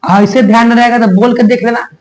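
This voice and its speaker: A man's voice: extremely high pitch, steady tone, fast talker, darkish tone, low-quality recording. A man teaching a grammar lesson, sounding out letters one by one and quizzing his students with repeated questions.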